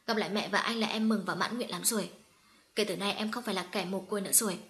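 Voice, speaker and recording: A woman's voice: medium pitch, fairly even intonation, fast talker, fairly bright tone, lightly acted. A woman voicing a young orphan woman who speaks choked and sobbing. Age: young adult. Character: young orphan woman, emotional, finding her family.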